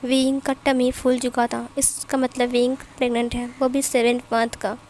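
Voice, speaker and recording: High-voiced woman casually retelling a story. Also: flat delivery, moderate pace, darkish tone, a little hiss or hum. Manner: chatty, plainly retelling. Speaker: story narrator. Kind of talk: casual fan-fiction storytelling.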